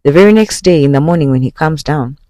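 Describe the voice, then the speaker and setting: A woman's voice: sits low, animated, quick pace, mellow, no room sound, clean studio sound. A woman hosting a podcast, casually retelling a dramatic story in second person, as if talking straight to the listener. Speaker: podcast host.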